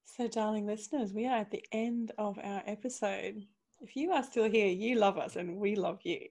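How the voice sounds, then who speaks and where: A woman's voice: mid-range voice, normal speed, a little mellow. A woman in her forties co-hosting a podcast, chatting casually and teasing with emphatic, encouraging remarks. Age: 40s. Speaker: podcast co-host. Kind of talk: casual chat.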